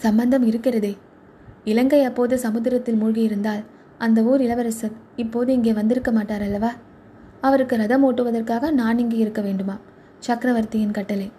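A woman reading the part of a proud, short-tempered male royal charioteer in a storybook, with a gruff, scolding manner. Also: on the high side, steady tone, normal speed, dark tone, slight background noise, lightly acted. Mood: bitter.

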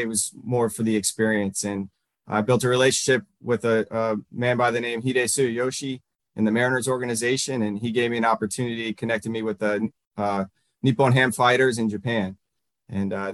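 In a dry recording, a Northern Virginia man in his thirties who coaches baseball responds to interview questions in a stop-start way, filled with fillers and restarts. His voice sits in the mid-range.

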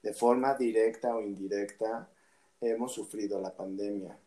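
A man's voice: lowish voice, fairly even intonation, normal speed, dark tone. A man co-hosting a podcast, chatting casually and often checking for agreement. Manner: conversational, keeps asking for agreement. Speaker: podcast co-host. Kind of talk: casual chat.

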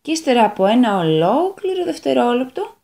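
A woman storyteller reading a children's fairy tale aloud on a radio show, in an expressive, animated way. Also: a little high, vocal fry.

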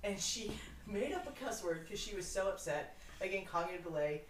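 Woman youth worker, lively storyteller, echoey room, mic set back. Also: medium pitch, brisk, noisy background. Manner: animated storyteller, acts out her own quotes. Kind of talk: casual podcast chat. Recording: roomy, distant mic with faint ambience.

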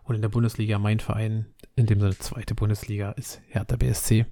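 Nursing a cold, a Berlin man in his 30s rambles casually through a solo episode of his podcast, talking fairly quickly in a fairly low voice. He's relaxed and uses plenty of fillers and restarts.

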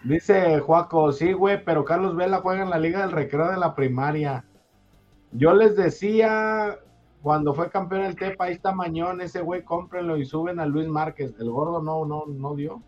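A man's voice: a little high, darkish tone. A man, hosting a casual sports chat and reading listener messages aloud in a joking way. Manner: joking, reads messages aloud in a quick, loose way. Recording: slightly dull sound, faint music behind.

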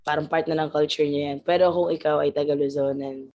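A woman with a Filipino accent tells stories casually on a podcast she co-hosts. She voices the people she quotes in English and drops swear words now and then, and her voice sits a little low. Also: steady tone, fairly quick, a little mellow. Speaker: podcast co-host. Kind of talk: casual chat, storytelling.

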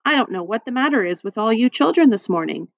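A woman voicing a kindly, fretful dinner lady with a high, gushing manner. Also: expressive, fast talker, vocal fry, no echo. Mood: puzzled. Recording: dry, slightly muffled.

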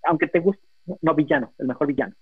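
A man chatting casually over a remote call whose audio keeps cutting out, halting with fillers. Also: fairly high pitch, breathy edge. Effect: remote call dropping out, voice breaking up. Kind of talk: casual chat. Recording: dull lo-fi remote call line.

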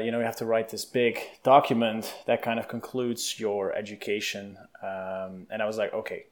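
A young man from Belgium, a guest in an interview, telling his story in a lively, casual way with many fillers. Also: mid-range voice.

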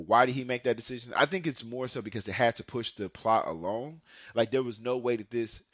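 A man's voice: lowish voice, no room sound, clean studio sound. A young man hosting a podcast, talking casually about anime in a rambling way, with lots of fillers and self-corrections. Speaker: podcast host. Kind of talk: casual anime talk monologue.

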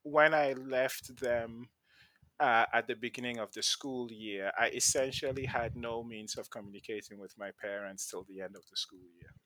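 A middle-aged man from Ghana, a venture investor and podcast guest, telling his life story with thoughtful pauses and repeated words as he starts sentences. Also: medium pitch, pushed and bright, no room sound. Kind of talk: conversational interview storytelling.

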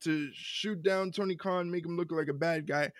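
High-voiced man ranting on a podcast. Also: steady tone, moderate pace, dry recording, studio quality. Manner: ranting, repeats words, laughs often. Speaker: podcast co-host. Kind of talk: casual wrestling podcast chat.

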